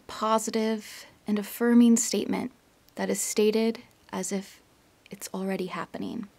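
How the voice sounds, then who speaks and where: In a guided yoga nidra meditation, a woman with a mid-range voice speaks softly and breathily, often close to a whisper. Her instructions are gentle and separated by long pauses.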